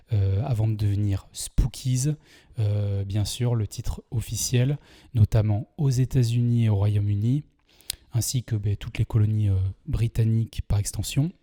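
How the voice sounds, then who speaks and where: Chatty French man with a very dark voice. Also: mid-range voice. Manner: chatty, many fillers and restarts. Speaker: film review host. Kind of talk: casual video commentary.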